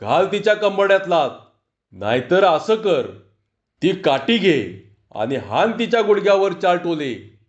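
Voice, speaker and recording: A harsh, bullying police officer barks threats in coarse village speech, as a male storyteller puts him on. The voice sits a little high and pushes forward. It comes through a dull, muffled recording. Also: very animated, measured pace. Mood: harsh scolding. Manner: harsh, scolding, rustic speech.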